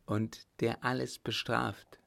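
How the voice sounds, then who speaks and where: A man's voice: medium pitch, flat delivery, takes it slowly, gravelly, fairly bright tone, full character voice. A male reader voicing a frightened young noblewoman who pleads and defies her captor in a trembling voice. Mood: pleading. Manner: trembling, imploring.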